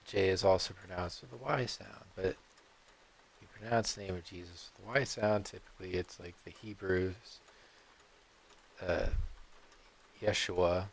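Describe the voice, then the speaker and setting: A man streaming a game, rambling off on tangents and often clearing his throat. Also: sits low, fairly even intonation, normal speed, pauses often. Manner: meandering, digressive, frequent throat clearing. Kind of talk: rambling live-stream commentary.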